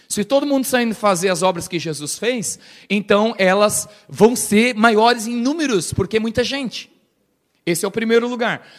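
A middle-aged man with a Brazilian accent, a pastor preaching a sermon in a church, animated and playful, acting out quoted voices. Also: high-pitched. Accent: Brazilian Portuguese.

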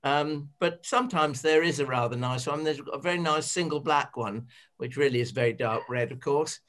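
A man's voice: fairly high pitch, normal speed, a bit bright. A man in casual conversation who talks in a rambling, hesitant way with many fillers. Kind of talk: casual chat.

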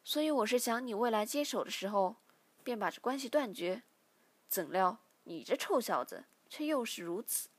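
A woman's voice: on the high side, expressive, moderate pace. A woman voicing a stern, weary middle-aged father who lectures his grown son, in a read-aloud novel. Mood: lecturing.

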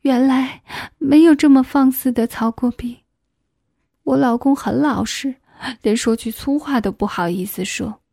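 A woman voicing a shy married schoolteacher in an adult audiobook, speaking in a breathy voice that often drops to a whisper. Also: sits high, unhurried, warm tone, dry recording, clean studio sound, heavily acted. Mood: breathy aroused.

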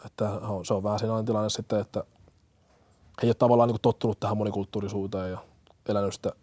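A man's voice: fairly low pitch, flat delivery, warm tone, no room sound. A young man, a firefighter-paramedic from Kenya, answering interview questions earnestly with many fillers and restarts.

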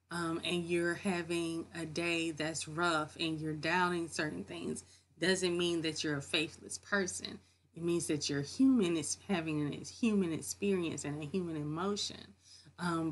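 Woman faith vlogger, lowish voice, casual, encouraging, records from a home office. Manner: earnest, encouraging, repeats key phrases. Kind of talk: casual motivational talk to camera.

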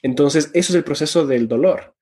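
Husky man arguing a point emphatically. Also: on the high side, brisk, dark tone. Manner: emphatic, argues through rhetorical questions. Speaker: panel guest. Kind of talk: discussion talk.

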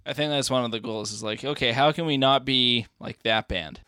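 A male interviewer with a smooth, resonant voice chats casually with a band. He jokes easily and winds through his questions at an unhurried pace. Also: mid-range voice, no echo, clean studio sound. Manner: relaxed, joking, asks long winding questions.

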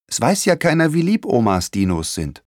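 A man voicing a clever, enthusiastic young boy in a storybook reading, with a keen, excitable delivery. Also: mid-range voice, normal speed, no echo, studio quality, pitched above the performer's own voice.

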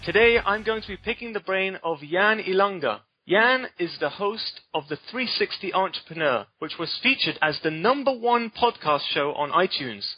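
A man's voice: sits high, moderate pace, hardly any pauses, husky, dry recording, soft background music. Enthusiastic male podcast host, dull dry audio. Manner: enthusiastic, easily excited. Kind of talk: interview podcast.

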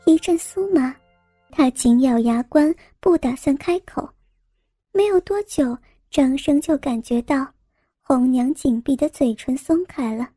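A woman reads a scripted story in a high, mellow voice with a warm, dark tone. Her delivery is soft and even, carrying the narration steadily. Faint music plays quietly underneath. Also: no room sound, studio quality.

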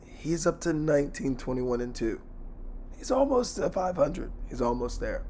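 A hoarse man hosting a casual sports betting podcast by himself, talking in a blunt, slangy, sweary way. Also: on the high side, very animated, moderate pace, mellow, a little hiss or hum.

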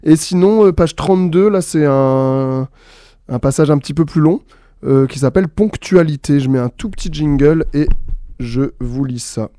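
This man hosts a reading show, chatting in a relaxed way with hesitant fillers before reading texts and his own poems aloud. His voice sits on the high side, his pace is normal, and the recording is dry.

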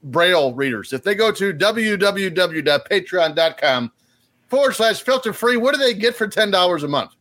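Bright, lively man hosting a podcast. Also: sits high, moderate pace. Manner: runs the show's plugs and segments, dry wisecracks. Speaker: podcast host. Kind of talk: casual podcast chat.

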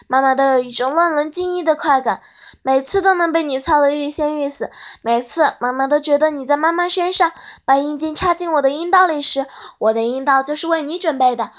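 A woman reading the lines of an affectionate, teasing middle-aged mother in a soft, coaxing way. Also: high voice, close to an everyday voice.

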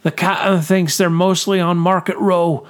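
A man's voice: sits high, little pitch movement, moderate pace, voice pushed up, natural voice. A man voicing a wounded, gasping young soldier. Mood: urgent, pained. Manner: urgent, strained reporting. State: out of breath, in pain. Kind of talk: audiobook character voice.

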